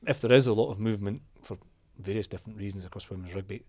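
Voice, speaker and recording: A man's voice: on the low side, very fast, a little mellow, no room sound. A middle-aged Scottish man hosting a podcast, chatty and teasing, asking question after question. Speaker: podcast host. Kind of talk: casual chat.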